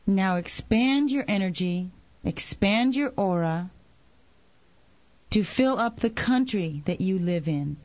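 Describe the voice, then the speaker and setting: Woman meditation guide, slow and even, dry lo-fi recording. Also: mid-range voice, dry recording. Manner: slow, calm, instructive.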